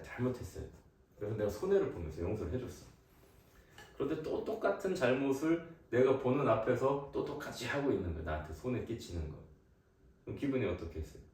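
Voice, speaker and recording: A man's voice: low-pitched, darkish tone, a little hiss or hum. Man preaching a home sermon, questioning and emphatic; very echoey room, mic far off. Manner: asks questions, building to emphatic exhortation. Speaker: leader of family worship.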